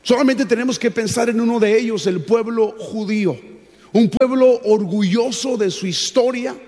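A middle-aged pastor with a Mexican accent preaches a sermon, teaching emphatically with repetition and rhetorical questions. His voice is very high-pitched with a dark tone and a moderate pace. The recording has the reverb of a large hall.

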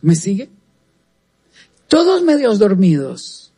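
Male presenter, high husky voice; earnest, animated testimony storytelling. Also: takes it slowly. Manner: earnest, animated retelling with direct asides to the listener. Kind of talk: storytelling testimony on a radio program.

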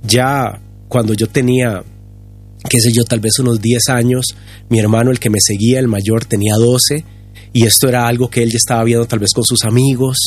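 A husky-voiced man speaks earnestly and at a halting pace, restarting his phrases often. His voice sits at an ordinary pitch, and soft music plays faintly under it. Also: little pitch movement. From Costa Rica. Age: 50s. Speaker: pastor and guest. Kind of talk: candid testimony on a podcast.

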